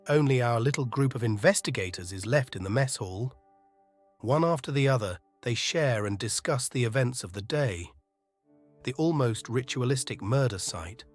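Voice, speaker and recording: Faint music plays beneath a man's mid-pitched voice as he reads scripted audio drama narration, telling the story in an atmospheric, literary style.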